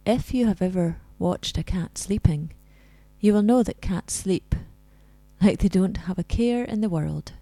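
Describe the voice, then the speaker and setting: Woman, soft near-whispered spa delivery, very mellow, unhurried, breathy, guided meditation narration. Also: medium pitch, no room sound, faint music behind. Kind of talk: scripted guided relaxation meditation.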